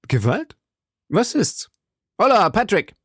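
A man's voice: medium pitch, normal speed, creaky, dry recording, clean studio sound, natural voice. Buckingham, a man reading as a haughty duke. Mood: alarmed shouting. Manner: outbursts rising to shouts, fading to whispers when dying. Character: haughty English duke, alarmed then dying. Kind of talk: audiobook reading.

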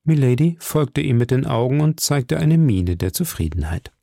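A man narrating an audiobook chapter in a steady, measured reading. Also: mid-range voice, gravelly, no echo, studio quality.

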